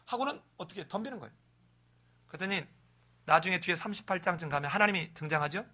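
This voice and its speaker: A male pastor giving an animated Sunday sermon, telling scripture stories with rhetorical questions. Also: high voice, fast talker. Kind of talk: expository sermon.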